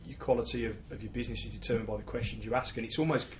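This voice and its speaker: A man co-hosting a business podcast in casual chat, quick and easygoing. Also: medium pitch, steady tone, slight background noise. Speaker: podcast co-host.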